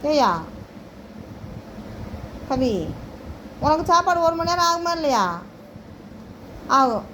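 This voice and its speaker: A woman's voice: very high-pitched, slow pace, a bit bright, a little hiss or hum. A mother at home talking casually to her small child, coaxing and scolding by turns.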